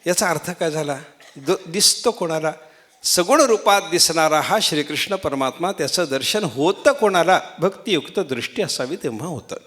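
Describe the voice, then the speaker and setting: A male preacher giving a devotional sermon, weaving stories and repeating key phrases. His voice sits slightly high for a man, and he often turns to the listeners with rhetorical questions. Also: animated, normal speed, a bit bright. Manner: repeats phrases, acts out quotes, asks the audience rhetorical questions. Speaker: religious preacher.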